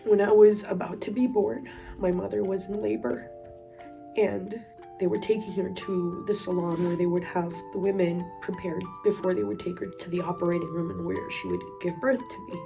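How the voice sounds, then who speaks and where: Low gravelly woman giving earnest testimony. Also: steady tone. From Colombia. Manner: reflective and earnest, with pauses. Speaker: speaker sharing a faith testimony. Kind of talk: personal faith testimony. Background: soft instrumental music.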